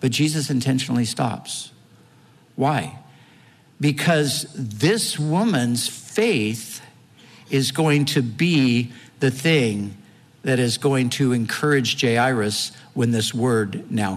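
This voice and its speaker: A man's voice: medium pitch, in a large hall. A man preaching a sermon and retelling a story vividly, with strong emphasis.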